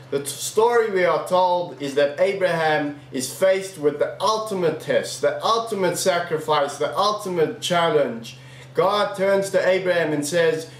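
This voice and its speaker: Earnest rabbi in an echoey room. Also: male voice, a little high. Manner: earnest, emphatic storytelling with pauses. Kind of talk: weekly sermon message. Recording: echoey room, mic far off.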